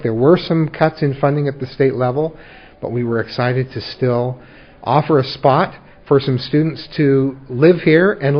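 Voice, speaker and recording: A man, a school district superintendent, hosts a podcast and interviews guests in a high school room, with a measured, friendly manner. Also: lo-fi sound. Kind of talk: scripted intro, then interviewing guests.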